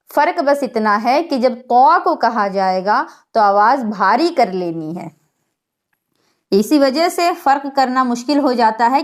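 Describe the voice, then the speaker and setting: A woman, teaching a spoken lesson on Quran letter sounds, patiently explaining and modeling each sound aloud. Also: high voice. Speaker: online Quran recitation teacher.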